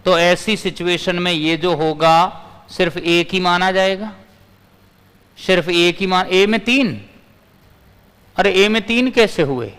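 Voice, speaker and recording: A man's voice: high voice, takes it slowly, pauses often, fairly bright tone, clean tone, big-room sound. A male physics teacher giving a live online class, repeating his points and answering viewers' comments as he goes.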